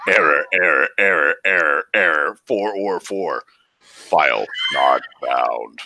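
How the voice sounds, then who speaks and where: A man voicing a malfunctioning robot construct that glitches and flatly repeats error messages during a tabletop role-play game. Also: very deep voice, slow pace, creaky, no echo, voice pushed down, heavily acted. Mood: glitching. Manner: flat, stuttering repetition of error phrases.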